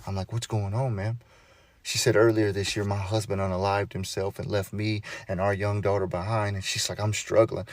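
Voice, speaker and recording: A man speaks earnestly and gently, his voice sitting a little low. He tells a heartfelt story straight to the listener, often dropping softer to quote others. The sound is close and dry, with no room around it. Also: little pitch movement, fairly quick, no echo. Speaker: storyteller vlogger.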